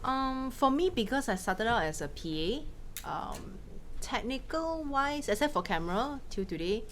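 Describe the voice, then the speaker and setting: A woman from Malaysia, a film director, answering questions in a casual talk with quick anecdotes and frequent laughs. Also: on the high side, big pitch swings, a little hiss or hum. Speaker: film director giving a masterclass.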